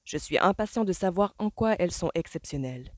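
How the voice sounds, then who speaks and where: A woman reading an audiobook voices a charming young gentleman who speaks in firm, commanding outbursts. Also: on the low side, animated, brisk, no echo, studio quality, close to an everyday voice. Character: charming young gentleman losing patience, Colin.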